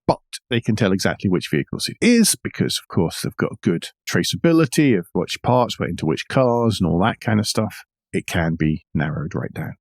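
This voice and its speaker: On a car news podcast, a deep-voiced man speaks expressively at a moderate pace, with clean studio sound and no echo. As co-host, he moves from read-out news items to casual, wry asides in the conversation.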